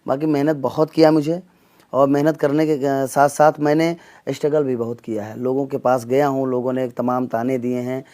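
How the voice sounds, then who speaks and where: A man from the Gonda region, a comedian answering interview questions earnestly, with pauses and fillers. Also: medium pitch, flat delivery, mellow. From Gonda region, northern India. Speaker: comedian and mimic, interview guest.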